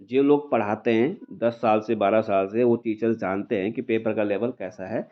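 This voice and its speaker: A man's voice: fairly low pitch, moderate pace. Casting: male coaching teacher, casual exam review, muffled sound. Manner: conversational, repeats "ठीक है ना" as a filler. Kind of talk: informal exam paper review. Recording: dull lo-fi recording.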